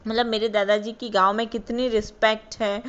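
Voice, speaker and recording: A woman's voice: on the high side, flat delivery, a little fast, fairly bright tone, smooth, close to an everyday voice. A woman voicing a young man in a told story, reproaching a neighbour and pleading with his grandfather. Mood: reproachful. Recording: dull lo-fi recording.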